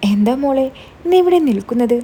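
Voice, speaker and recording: A woman's voice: on the high side, lively intonation, brisk, a little hiss or hum. Woman voicing a kindly protective older man. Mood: soothing. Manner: gentle, reassuring.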